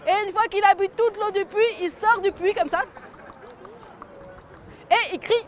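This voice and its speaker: A woman storyteller tells a folk tale to children at a measured pace in an extremely high-pitched voice. She is lively and draws her young audience into joining in.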